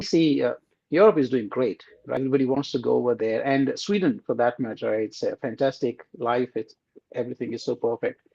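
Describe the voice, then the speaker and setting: Male interview host, rough gravelly tone, chatty with fillers, muffled lo-fi audio. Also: medium pitch, a little mellow. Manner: friendly, rambling intro with many fillers. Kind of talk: casual interview. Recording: slightly dull lo-fi sound.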